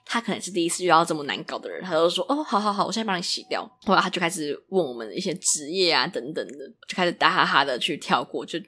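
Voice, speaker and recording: A young woman speaks Mandarin with a Taiwanese accent, rattling through a casual story at a quick clip. Her voice sits fairly low and a little husky, yet it swings widely in pitch as she acts out the people she quotes. She sounds like a chatty solo podcast host. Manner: animated, mimics other people's voices in quotes.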